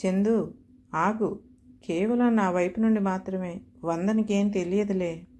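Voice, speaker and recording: A woman's voice: mid-range voice, steady tone, unhurried, warm tone, lightly acted. A woman reading as a breezy young suitor. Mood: earnest. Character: confident friendly young male suitor.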